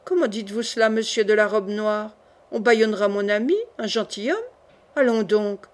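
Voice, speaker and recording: A woman reading the part of a hot-tempered young male gentleman in an audiobook, indignant and blustering. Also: mid-range voice, fairly even intonation, normal speed, lightly acted.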